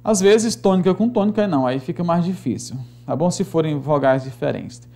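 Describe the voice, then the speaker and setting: Man, teacher, slightly high voice, patient explanations, slow syllable counting. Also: animated, dark tone. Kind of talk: recorded grammar and literature lesson.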